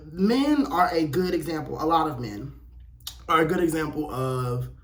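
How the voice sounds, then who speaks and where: Casual solo commentary comes from a young man hosting his personal video channel as he reads and reacts, speaking bluntly with lots of slang and strong opinions. His voice is on the high side and fairly bright in tone.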